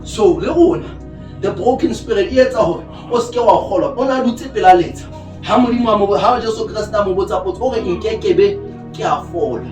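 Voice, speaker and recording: A man's voice: high voice, fast, a little mellow. A South African man, a native Sesotho speaker, preaching a sermon into a pulpit microphone with emphatic, repeated phrases. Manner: emphatic, repetitive rhetorical phrasing. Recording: echoey room, distant amplified voice, music underneath. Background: music.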